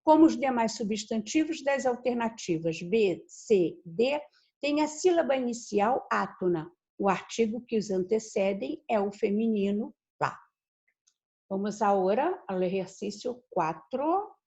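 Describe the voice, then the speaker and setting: Slow, deliberate woman teaching Spanish. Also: fairly high pitch, breathy edge. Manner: slow, deliberate, spells out letters and repeats words; asks the class questions, then answers them. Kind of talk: recorded online class. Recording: dull lo-fi recording.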